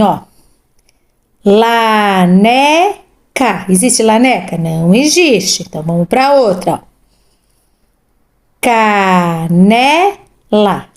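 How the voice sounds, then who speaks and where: Reading syllables aloud in a tutoring lesson, a woman teaches children, repeating every word twice and frequently saying "tá?" and "ó". Her voice is on the high side and a little mellow.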